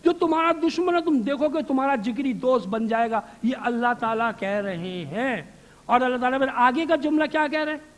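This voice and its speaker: A man giving a religious lecture to a seated audience. He asks rhetorical questions and answers them himself, and drops English words into his speech. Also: very high-pitched. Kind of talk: Islamic lecture to a live audience.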